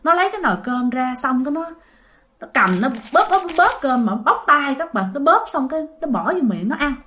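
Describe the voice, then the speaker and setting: Speaking fairly quickly in a high, very animated and slightly bright voice, a Southern Vietnamese woman tells a ghost story in chatty fashion, talking directly to those listening.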